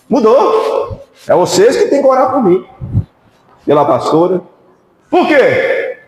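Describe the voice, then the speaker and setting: A Brazilian-accented male pastor preaching with fervor, firing rhetorical questions at his congregation. His voice sits a bit high and leaps wildly in pitch. The sound bounces hard around a large church hall with a long reverb tail. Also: a little mellow. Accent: Brazilian Portuguese. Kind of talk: sermon.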